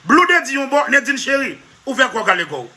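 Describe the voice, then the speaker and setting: High, bright animated man. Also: brisk. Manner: emphatic, repetitive, keeps addressing "monsieur". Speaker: comedy vlogger. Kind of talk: comic monologue.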